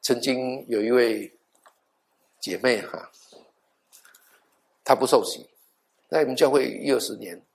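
A man's voice: medium pitch, measured pace, creaky, long pauses. Middle-aged pastor man preaching animatedly. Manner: animated, acts out dialogue, half-joking asides; mixes in English words. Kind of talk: sermon with storytelling.

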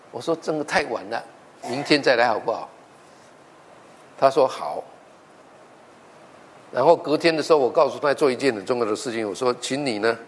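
A man, preaching as a pastor and telling a story, acting out the dialogue with lively swings in his voice. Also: mid-range voice, in a large hall, slight background noise. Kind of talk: sermon storytelling.

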